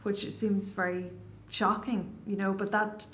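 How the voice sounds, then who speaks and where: There's a little hiss or hum under this mid-range, a bit bright, level voice, which moves a little slowly. The speaker, a poet in her thirties from Ireland's Donegal Gaeltacht, answers as an interview guest with a Donegal Irish accent, pausing thoughtfully and restarting often.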